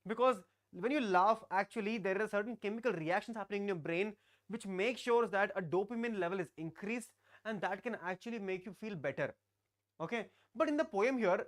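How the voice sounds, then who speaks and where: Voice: mid-range voice, a bit bright. A teacher, giving a live online class and often repeating phrases while talking to students in the chat. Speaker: English teacher.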